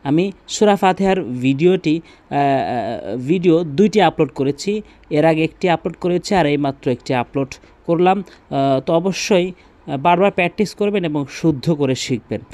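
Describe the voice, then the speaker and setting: A woman teaching Quran recitation through slow call-and-repeat, drawing out chanted phrases between quick spoken explanations. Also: deep voice, expressive, dark tone, dry recording.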